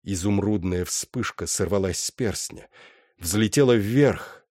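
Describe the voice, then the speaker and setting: A man narrating a fairy-tale novel in an expressive storytelling manner. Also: lowish voice, a little slow, dry recording, studio quality. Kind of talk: audiobook narration.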